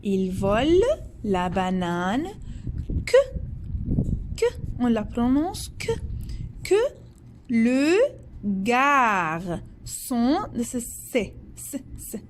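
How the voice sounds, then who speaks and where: A woman reads a children's story in French at a very slow, careful pace, stopping to spell letters and point out silent endings. Her voice sits a bit high and swings widely in pitch. Faint ambient noise sits behind her. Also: lively intonation. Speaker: teacher. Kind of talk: slow read-aloud French lesson for children, with English glosses.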